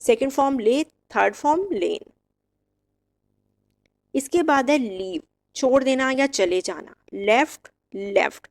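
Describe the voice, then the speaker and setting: Lady teacher drilling verbs word by word, kinda high voice, slow and clear. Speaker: English teacher. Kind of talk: vocabulary lesson.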